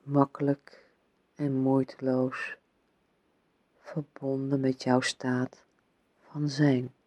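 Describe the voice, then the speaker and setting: A man leading a guided meditation in a soft, soothing voice, with gentle instructions and unhurried pauses between phrases. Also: medium pitch, completely flat delivery, no echo.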